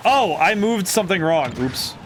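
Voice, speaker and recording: A man's voice: high voice, animated, normal speed, a bit bright, slight background noise. A young man chatting casually while streaming a game, laughing often and correcting himself as he goes. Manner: chatty, giggly, self-correcting with frequent laughs. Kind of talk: casual live-stream commentary while playing.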